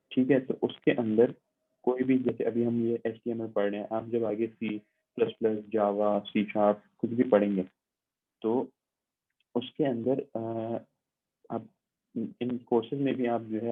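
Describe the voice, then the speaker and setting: A man with a low, husky voice leads an online computing lab. He explains patiently and repeats his points, checking in with his class as he shows each step on screen. The sound is thin and tinny, like a phone line. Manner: patient, repetitive explaining with frequent check-ins.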